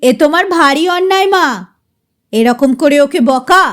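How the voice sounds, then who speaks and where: A woman's voice: high-pitched, moderate pace, a bit bright. Woman voicing a grave, pompous teen boy, cracking thick voice. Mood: lecturing. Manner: grave, know-it-all. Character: pompous fourteen-year-old boy, lecturing.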